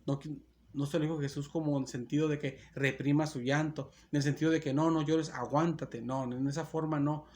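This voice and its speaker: A man's voice: a little high, darkish tone. Earnest, repetitive male preacher. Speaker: pastor. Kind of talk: sermon.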